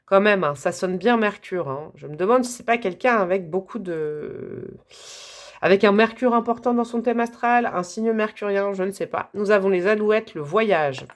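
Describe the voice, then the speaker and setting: A woman giving a live tarot reading to her viewers, chatty and gentle, with frequent asides and little laughs. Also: mid-range voice, normal speed. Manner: softly calm, gentle delivery. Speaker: tarot reader.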